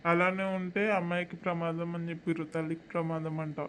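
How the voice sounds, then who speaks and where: A man with a Telangana accent playing a weary young village husband who speaks quietly. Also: a little high, flat delivery, fast, slight background noise, close to an everyday voice. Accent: Telangana Telugu. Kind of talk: village comedy skit acting.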